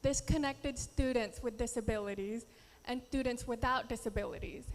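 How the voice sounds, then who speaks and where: A young Filipino woman whose first language is Tagalog gives an earnest prepared speech as a pageant contestant. Her voice is on the high side, and she's in a large hall.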